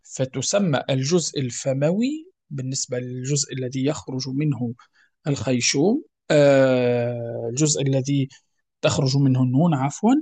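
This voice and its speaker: Patient teacher, dry close sound. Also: male voice, medium pitch, moderate pace, mellow, breathy edge, no echo. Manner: patient and repetitive, often correcting himself mid-word; asks the listeners questions, then answers them himself. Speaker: Quran recitation teacher. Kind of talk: explanatory lesson on tajweed rules.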